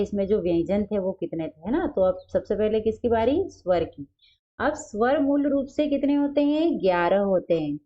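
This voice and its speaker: Slow-talking woman teacher, dull recording. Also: medium pitch. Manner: asks questions and answers them herself, repeats key words. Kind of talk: classroom grammar lesson.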